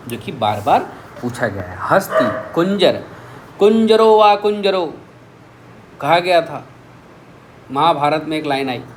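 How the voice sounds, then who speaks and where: A man teaching a vocabulary lesson, reeling off lists of words with quick asides to his students. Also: a little high, noisy background. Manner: lively, reels off word lists with quick asides. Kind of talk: exam-prep vocabulary lesson.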